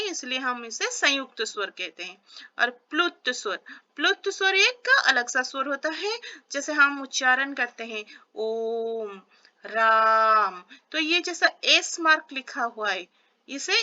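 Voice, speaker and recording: A woman teaching a lesson, sounding out each vowel slowly, asking questions and answering them herself, mixing in English words. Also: sits high, bright, forceful tone, dull audio. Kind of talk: classroom explanation.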